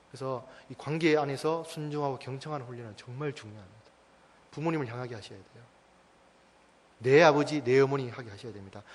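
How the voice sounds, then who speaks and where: A man in his thirties, a church staff speaker, giving an emphatic parenting talk to a mothers' group and firing rhetorical questions at the audience. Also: a little high. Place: church hall. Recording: long church-hall reverb.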